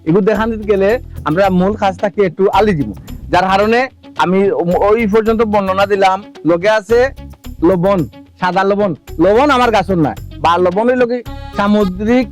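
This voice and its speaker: A man's voice: sits high, moderate pace, faint music behind, natural voice. An actor with a Sylheti accent playing a showy village husband who talks to his viewers like a vlogger while he eats fish. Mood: showing off. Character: boastful village husband eating raw fish for views. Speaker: husband filming a food video.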